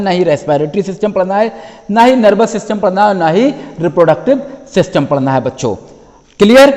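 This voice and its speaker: High-voiced male teacher in a reverberant hall. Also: a little mellow. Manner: addresses students as children, repeats phrases; reads English topic names slowly from a list. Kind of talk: exam syllabus lesson.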